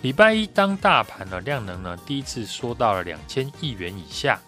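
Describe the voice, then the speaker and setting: A man's voice: mid-range voice, very animated, moderate pace, bright, forceful tone, soft background music. A man with a Taiwanese Mandarin accent giving prepared stock market commentary as an analyst, explaining point by point.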